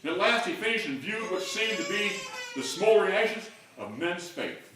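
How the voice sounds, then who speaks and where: A man's voice: high voice, very animated, moderate pace, noisy background. Older male pastor in a big echoing church. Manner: builds to loud call-and-response shouts. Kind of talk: sermon. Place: large church sanctuary. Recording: echoey hall from far off.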